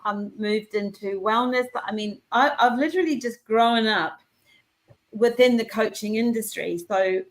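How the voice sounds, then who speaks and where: A New Zealand wellness and business coach talks confidently over a video call in a conversational interview. Her voice is a little high, and she speaks in long, energetic runs with quick restarts, sure of her expertise. The audio is poor.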